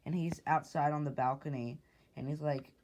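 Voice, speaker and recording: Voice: medium pitch, fairly even intonation, normal speed, darkish tone, a little hiss or hum. Rambling speaker full of fillers. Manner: hesitant, many fillers and restarts. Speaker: narrator of a homemade sci-fi short. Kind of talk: casual rambling narration.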